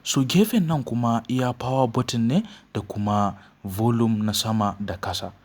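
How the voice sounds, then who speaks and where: A man's voice: medium pitch, normal speed. Nigerian Hausa man presenting a gadget review. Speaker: tech review channel host. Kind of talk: phone unboxing and review narration.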